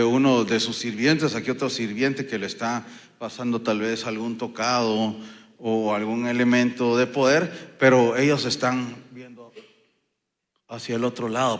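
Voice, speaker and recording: Guatemalan guy teaching a class, mid-pitch voice, big echoey lecture hall. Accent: Guatemalan Spanish. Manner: explanatory, frequent checking "¿sí?" and "eh" fillers. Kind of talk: university lecture on Maya epigraphy. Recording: long hall reverb.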